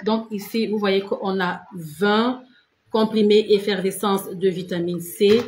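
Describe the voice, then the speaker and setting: A woman's voice: medium pitch, steady tone, unhurried, a little mellow, roomy sound. A woman giving casual, insistent skincare and diet advice on a live stream, repeating herself and talking straight to her viewers. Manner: repetitive, direct, addresses viewers as tu and vous.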